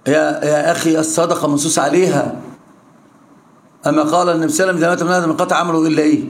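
Fast-talking egyptian sheikh quizzing students. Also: male voice, a little high, little pitch movement. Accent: Egyptian Arabic. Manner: insistent, quizzes students with repeated questions. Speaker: Islamic scholar teaching students. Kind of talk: interactive religious lesson.

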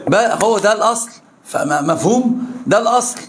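A man's voice: high-pitched, animated, quick pace, slight background noise. A man with an Egyptian Arabic accent teaching an interactive religious lesson, pressing his students with repeated questions. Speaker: Islamic scholar teaching students.

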